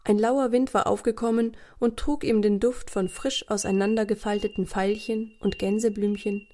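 Telling a scripted children's story, the female storyteller reads in a deliberate, expressive manner. Her voice is mid-range.

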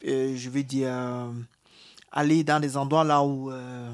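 An asylum seeker from Cameroon gives a personal testimony in an interview, speaking with a Cameroonian French accent. He sounds hesitant, with many fillers and restarts, in an unhurried, medium-pitched voice with little pitch movement.

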